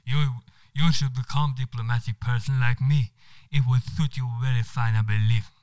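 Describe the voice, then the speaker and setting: A man's voice: medium pitch, steady tone, darkish tone, natural voice. A man voicing a flirtatious Spanish male diplomat with a put-on Spanish accent and flowery, broken English. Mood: flattering. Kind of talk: comedic story reading.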